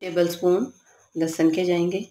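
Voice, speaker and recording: A woman hosting a cooking channel, calmly explaining each step of a home recipe from her kitchen. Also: on the low side, moderate pace.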